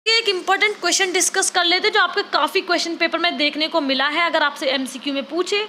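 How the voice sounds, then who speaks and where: A woman's voice: extremely high pitch, fairly even intonation, quick pace, sharp tone, slight background noise. A woman teacher giving an online exam-prep lesson, explaining step by step and asking students to try each sound aloud.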